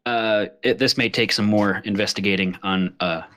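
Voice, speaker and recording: Forceful-voiced man running a tabletop game. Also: lowish voice, steady tone. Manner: halting, informal. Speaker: game master. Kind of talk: casual tabletop game narration.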